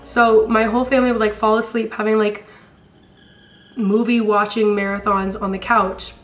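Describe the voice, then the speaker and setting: A young American woman with a smoker's rasp, hoarse from being sick, telling stories in a casual, rambling, slangy chat. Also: mid-range voice, little pitch movement, moderate pace, faint music behind, low-quality recording. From California, later Colorado, US. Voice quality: raspy, like a smoker's voice. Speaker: storytime vlogger.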